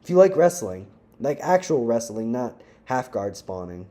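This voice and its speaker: A young man ranting casually to camera, animated and slangy, breaking into frequent laughs. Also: mid-range voice, normal speed. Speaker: vlogger. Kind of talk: casual rant.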